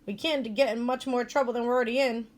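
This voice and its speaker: Calm, practical doll girl in a storybook reading, voiced by a woman reader, lightly raised pitch. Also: fast talker, close to an everyday voice. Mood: curious. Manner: calm and matter-of-fact. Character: curious, level-headed girl doll.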